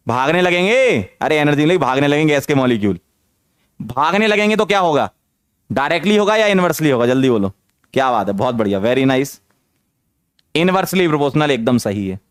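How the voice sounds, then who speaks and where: A man teaching chemistry in an online lecture, energetic, firing questions at students and repeating phrases to drive points home. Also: a little high, clean tone, no echo, clean studio sound. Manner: mixes English terms into speech.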